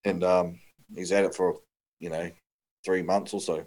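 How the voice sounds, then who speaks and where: Casting: male podcast co-host, broad Kiwi accent, lowish voice, slangy and blokey anecdote-teller. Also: flat delivery, a little slow, background noise. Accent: broad New Zealand. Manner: blokey, slangy, sweary storytelling. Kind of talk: casual anecdote-telling on a podcast.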